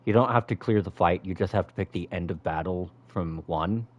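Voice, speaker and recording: A man's voice: deep voice, fairly quick, a little mellow, muffled recording. A man streaming a video game live, casually explaining its mechanics as he plays. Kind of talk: casual live gameplay commentary.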